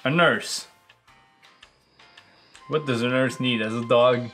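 A young man co-hosting a casual beer review at a home bar, talking in a relaxed, halting way and teasing his partner. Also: medium pitch, soft background music. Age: young adult. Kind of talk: casual chat.

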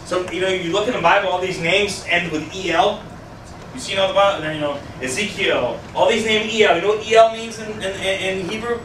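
A youth pastor in his thirties gives a casual sermon to a youth group in a small meeting room, speaking fairly quickly in a high, stuffed-up voice. He chats conversationally, asks the audience questions and gestures widely. With no mic, he is captured by a distant camera in an echoey room with a steady hiss underneath.

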